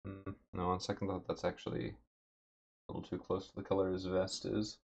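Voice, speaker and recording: Low husky guy rambling on a stream while he paints, dry throat, slightly muffled mic. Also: fairly quick. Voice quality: dry throat, a bit rough. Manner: relaxed, thinking aloud with many fillers. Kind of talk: casual livestream chat. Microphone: desk mic with noise gate.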